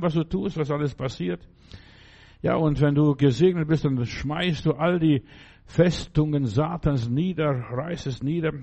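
A man's voice: on the high side, vocal fry, dark tone. A male preacher giving a sermon, repeating affirmations and often checking whether the listener understands. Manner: repeats affirmations and keeps asking the listener "verstehst du". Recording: dull lo-fi recording.

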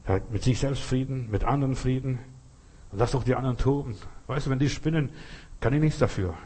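A man's voice: mid-range voice, brisk, warm tone, slightly rough. A man preaching a sermon, talking directly to the listener and often asking if they understand, with sudden emphatic rises in his voice. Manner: talks straight to the listener, keeps asking "you understand?".

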